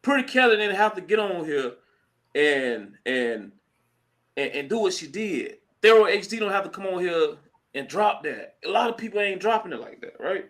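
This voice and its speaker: A man hosting a casual live stream, talking in a slangy, chatty way and giving shout-outs. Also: high-pitched, big pitch swings, moderate pace. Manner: slangy and chatty, full of "you know what I'm saying" and shout-outs. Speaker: host of a crypto live stream. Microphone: computer mic at a laptop.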